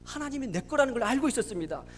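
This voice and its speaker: A man's voice: extremely high pitch, big pitch swings, rapid-fire. A man, a pastor, preaching a sermon with emphatic rhetorical questions. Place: church sanctuary. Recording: long church reverb, faint hum.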